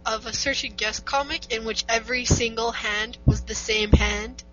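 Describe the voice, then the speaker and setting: A woman's voice: on the high side, fairly even intonation, normal speed, a bit bright. A teenage girl co-hosting a casual chat over an online call, teasing and swearing freely. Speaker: podcast co-host. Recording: muffled lo-fi call with faint hum.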